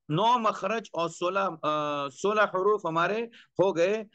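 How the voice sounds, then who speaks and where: A man with a high voice gives a tajweed lesson at a slow, unhurried pace, drawing out each Arabic letter and repeating it to demonstrate. He points out his own teeth and tongue as he explains. The recording is dry and close, with no room sound. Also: fairly bright tone, dry recording. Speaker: Quran recitation teacher.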